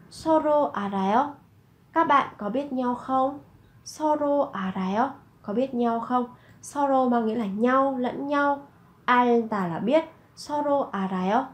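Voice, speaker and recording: Slow, clear woman teaching Korean. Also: fairly high pitch. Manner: repeats Korean phrases slowly, then explains in Vietnamese. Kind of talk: slow explanatory lesson narration.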